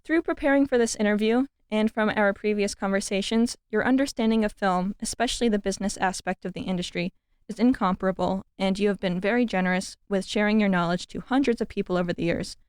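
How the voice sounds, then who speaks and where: A woman's voice: mid-range voice, quick pace, clear, resonant tone, no echo, clean studio sound. A woman hosting a film podcast, introducing and interviewing a guest with enthusiasm. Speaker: podcast host.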